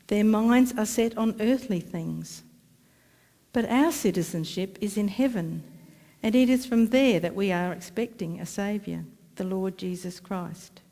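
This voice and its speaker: Middle-aged aussie woman reading scripture, careful and steady, mellow voice, long church echo. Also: medium pitch. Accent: Australian. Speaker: scripture reader. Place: church sanctuary, indoors.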